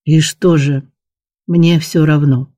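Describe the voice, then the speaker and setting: A passionate, domineering young nobleman in a storybook, voiced by the male reader. He speaks slowly and forcefully in a mellow, fairly high voice that stays level. The sound is dry and close. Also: fairly even intonation, no echo.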